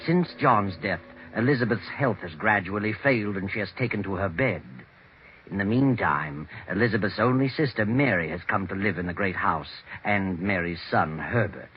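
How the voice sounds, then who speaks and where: The Whistler, an actor as brooding deep-voiced narrator. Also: male voice, slight background noise, lightly acted. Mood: grave, suspenseful. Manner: slow, brooding, theatrical. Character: the Whistler, sinister night-walking teller of dark tales. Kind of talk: 1940s radio mystery narration. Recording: muffled 1940s radio recording with music.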